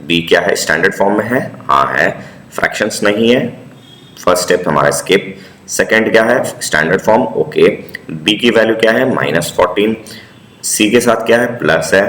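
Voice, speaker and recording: A man with an Indian English accent teaches maths, coaxing his students along and checking often that they follow. His voice sits very low. The recording has a noticeable room echo. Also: fairly bright tone. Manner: coaxing, repeats tag questions to students. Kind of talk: classroom maths lesson. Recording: echoey room.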